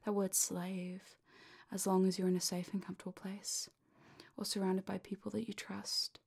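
A woman talking in a soft, slow, commanding whisper as she guides a listener through a hypnosis roleplay. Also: medium pitch, level tone, vocal fry, breathy edge. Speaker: hypnosis audio creator.

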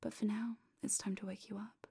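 Woman, hypnosis guide: husky, flat-toned whisper, soft and commanding. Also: medium pitch, brisk. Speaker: hypnosis audio creator.

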